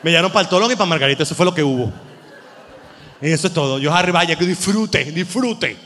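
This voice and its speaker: A man's voice: on the high side, expressive, fairly quick, fairly bright tone, big-room sound. A man with a Venezuelan accent doing a rambling, exasperated, crude stand-up comedy monologue. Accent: Venezuelan Spanish.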